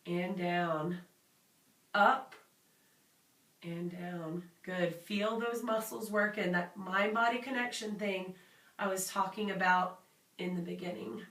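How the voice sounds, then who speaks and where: Casting: female fitness instructor, unhurried and encouraging, cueing exercises informally in a roomy space, miked from a distance. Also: on the low side, steady tone, fairly bright tone. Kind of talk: guided workout instruction.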